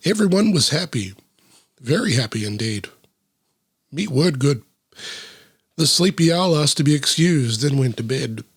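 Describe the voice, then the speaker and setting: A man reading a children's book aloud, breaking off for deadpan, sarcastic and sweary asides. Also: mid-range voice, moderate pace, husky, no echo, studio quality.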